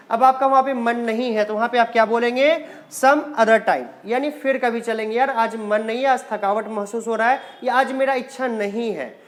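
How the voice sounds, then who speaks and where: Indian lady teaching english phrases, slightly high voice, says each one slow and repeats it. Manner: drills short phrases, repeating them slowly; addresses learners as children and guys. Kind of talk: spoken English lesson.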